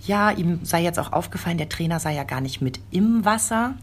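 A woman in her forties tells an anecdote in a relaxed conversation. Her voice sits a little low, and she brings the story alive by acting out quoted lines. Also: fairly quick, husky. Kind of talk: casual chat.

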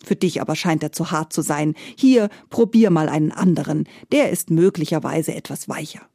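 A woman voicing a clever, kindly young mother in a fairy tale, speaking gently and soothingly. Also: low-pitched, moderate pace, no echo, clean studio sound. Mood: gentle, sly.

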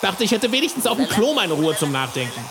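A performer voicing a small, eager mouse rapper in a children's audio drama, telling the story excitedly and sounding anxious. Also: mid-range voice, fast, background noise, close to an everyday voice.

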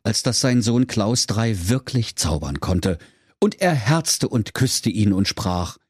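Playful fairy-tale narrator, man, very lively voice, dry studio. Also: lowish voice, slow, husky, no room sound. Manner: storyteller tone, playful, addresses children.

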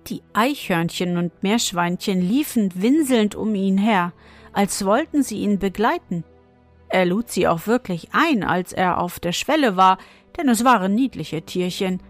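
A woman reading a fairy tale aloud in a calm, measured way. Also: mid-range voice. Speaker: storyteller. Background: soft music.

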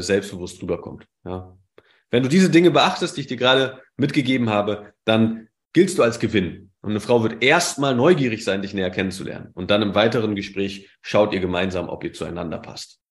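A man who works as a dating coach gives direct, emphatic advice in a podcast monologue and often adds a quick "ja". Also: on the low side. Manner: direct, emphatic, tags sentences with "ja". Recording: roomy echo.

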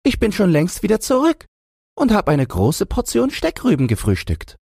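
A man voicing a clever, cheeky little pig in a storybook reading, in a squeaky, high, sing-song falsetto. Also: wildly swooping pitch, normal speed, vocal fry, darkish tone, slightly rough, dry recording, clean studio sound, full character voice.

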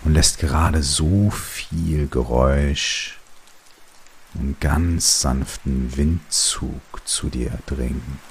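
A man narrating a guided relaxation sleep story in a calm, soothing way, with long pauses between short phrases. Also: a bass voice. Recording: steady rain noise behind the voice. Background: rain.

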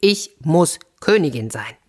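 A woman's voice: sits low, expressive, measured pace, husky, full character voice. A woman doing a greedy bossy wife. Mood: demanding. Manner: demanding, commanding. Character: greedy, bossy fisherman's wife, never satisfied.

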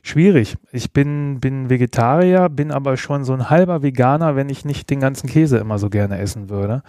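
A man's voice: medium pitch, normal speed, mellow, no echo, studio quality. Man from Bremen answering at length. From Bremen, Germany. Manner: thoughtful, hedging answers. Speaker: guest, nutrition expert. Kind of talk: podcast interview.

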